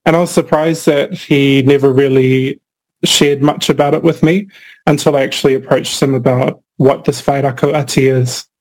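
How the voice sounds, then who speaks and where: A man's voice: mid-range voice, fairly even intonation, normal speed, darkish tone, poor audio. A young man from the Cook Islands, a filmmaker answering interview questions in a thoughtful way, with many fillers and restarts. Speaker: filmmaker guest.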